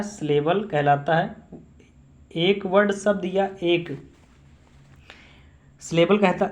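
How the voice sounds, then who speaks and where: A man teaching English grammar, repeating each definition and asking and answering his own questions. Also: high voice. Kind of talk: classroom-style grammar lesson.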